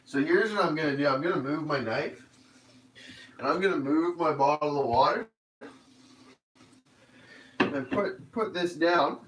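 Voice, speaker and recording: An easygoing man talks through his cooking on a livestream and wanders off on tangents between steps. His voice sits a little on the high side, and faint room noise hums underneath. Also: a little slow, long pauses, a bit bright, low-quality recording. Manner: rambling, easygoing, explains each step. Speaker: cooking stream host. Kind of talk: casual cooking demonstration.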